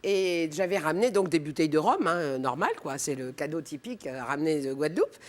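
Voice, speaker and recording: A middle-aged woman, a talk-show guest, telling lively anecdotes and acting out the people in them. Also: low voice, fairly quick. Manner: animated storyteller acting out quotes. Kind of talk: casual talk-show chat. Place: TV studio with audience.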